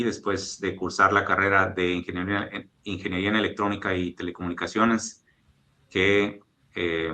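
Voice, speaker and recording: Bright-voiced Mexican executive in his fifties. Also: deep voice. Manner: measured, thoughtful, with frequent fillers and restarts. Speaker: guest, oil and gas executive. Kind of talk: relaxed interview conversation.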